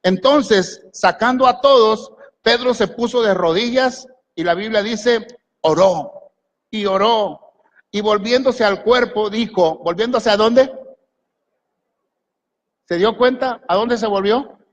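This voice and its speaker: Preaching slowly and pausing often, a pastor with a high voice asks his congregation questions and issues commands. The lo-fi recording carries the long echo of a large church hall.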